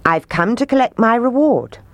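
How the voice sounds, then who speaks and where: A woman's voice: fairly high pitch, expressive, moderate pace, no room sound, pitched above the performer's own voice. A woman voicing a confident, merry male piper in a children's story, firm and teasing. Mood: expectant.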